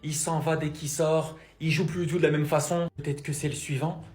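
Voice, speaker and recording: A man's voice: fairly high pitch, level tone, fairly quick, a little mellow. A man giving casual, opinionated football commentary, full of rhetorical questions and direct appeals. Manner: rhetorical, addresses players directly. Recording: echoey, roomy sound.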